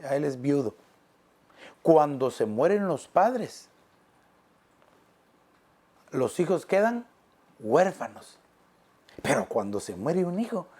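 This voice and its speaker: A man's voice: on the high side, warm tone. Earnest male pastor preaching a sermon. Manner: earnest, pastoral, addressing listeners as brother.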